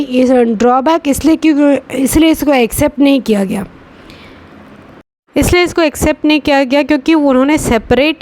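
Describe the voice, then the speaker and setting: A woman teaching a biology class. She explains step by step with many fillers and restarts, slowing down to dictate key terms. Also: sits high, a little mellow. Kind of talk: online class lecture.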